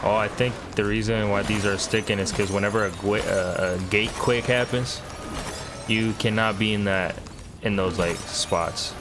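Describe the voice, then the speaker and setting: A man's voice: fairly low pitch, steady tone, moderate pace, background noise. A man hosting a gaming video, giving casual, slangy commentary as he thinks aloud. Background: game music.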